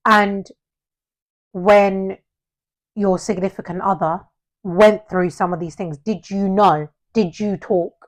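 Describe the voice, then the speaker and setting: Woman, co-host, mid pitch, earnest and explanatory. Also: steady tone, slow, pauses often. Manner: earnest and explanatory, speaks in long run-on points. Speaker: podcast co-host. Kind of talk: casual chat.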